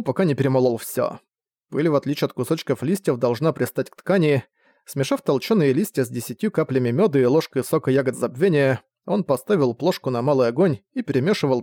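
A male narrator reads a fantasy audiobook in an even, steady voice at an ordinary middle pitch. The recording is dry and close, with no room echo.

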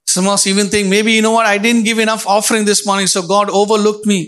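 A man's voice: sits high, level tone, fast talker, a bit bright. A middle-aged male pastor preaching a sermon in church, speaking straight to the congregation with rising and falling emphasis.

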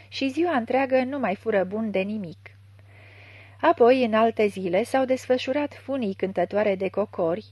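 A woman narrating a literary audiobook with a measured, expressive reading. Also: a little high, no echo. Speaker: audiobook reader.

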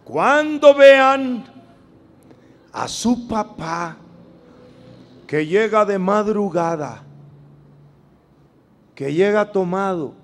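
A man's voice: high voice, lively intonation, extremely slow, pauses often. A man preaching a sermon to a congregation, emphatic and drawn out, calling on them to repeat after him.

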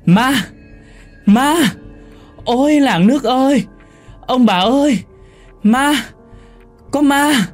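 A man's voice: extremely high pitch, expressive, slow pace, long pauses, soft background music, pitched above the performer's own voice, full character voice. A man voicing a terrified young male servant who stammers and screams in panic in a spoken horror story. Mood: screaming terror.

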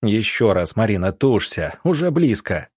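A man's voice: fairly low pitch, sing-song, moderate pace, darkish tone, slightly rough, no echo, studio quality. A man as a firm young country doctor. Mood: commanding. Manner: curt, decisive orders.

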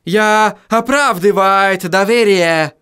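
A trembling vampire, put on by a male narrator, warbles a hymn in a high, drawn-out voice. Every word shakes, slow and strained. It's a storybook reading with a clean, smooth sound. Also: bright, forceful tone, exaggerated voice. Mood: defiant. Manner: quavering, slow sing-song. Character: trembling vampire man singing a temperance hymn.

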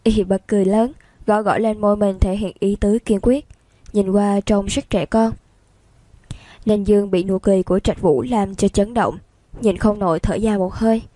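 A woman narrates a romance novel with steady, even storytelling. Her voice is mellow and warm, mid-pitched, and recorded dry and close with no room sound. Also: normal speed, no room sound.

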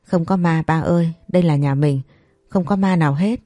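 The narrator voicing a calm, dutiful young son who speaks respectfully and reassuringly. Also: medium pitch, normal speed, no echo, lightly acted. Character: patient, dutiful grown son.

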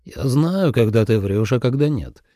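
A man voicing a calm, patient young male god who speaks in a subdued, measured way. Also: mid-range voice, no echo, studio quality, lightly acted.

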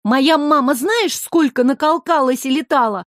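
Женщина озвучивает смелую властную девочку, которая кричит и спорит. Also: female voice, sits high, moderate pace, dry recording, studio quality, pitched above the performer's own voice, lightly acted. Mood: defiant. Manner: shouting, defiant. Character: bold bossy girl riding a dragon.

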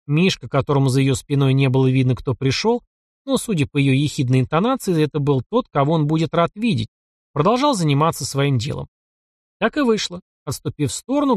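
Expressive male audiobook narrator. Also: a little high, no echo, studio quality. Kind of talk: scripted narration.

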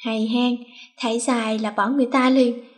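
Cunning teenage schoolgirl, sassy, bossy, mock-sweet, voiced by a woman, high voice. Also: little pitch movement, normal speed, lightly acted.

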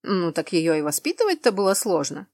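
A woman's voice: fairly low pitch, very animated, brisk, darkish tone, dry recording. A duke's trusted male advisor, as a woman reader puts him on, who talks plainly and without fuss. The voice stays close to the reader's own, in a dry, close reading. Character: friendly male advisor to a duke.

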